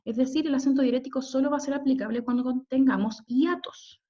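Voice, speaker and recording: Woman teacher, patient slide lesson, spells out syllables, fairly high voice, muffled lo-fi sound. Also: a little fast, warm tone. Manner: patient, spells out letters and syllables, asks "¿ya?" and "¿cierto?". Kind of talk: recorded online grammar lesson over slides. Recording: dull lo-fi home recording.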